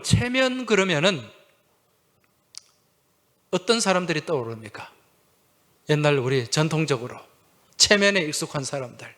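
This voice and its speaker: A man's voice: on the high side, pushed and bright. Male pastor preaching in a chatty way. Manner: asks the congregation questions and answers with frequent affirming "yes"; conversational, uses humorous anecdotes. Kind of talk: Sunday sermon.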